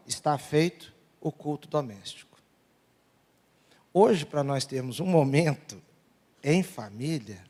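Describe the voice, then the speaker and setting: A male pastor preaching a sermon in a church, telling humorous family stories and acting out the dialogue. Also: on the high side. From Brazil. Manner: storytelling, humorous, acts out dialogue. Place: large church sanctuary. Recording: long church hall reverb.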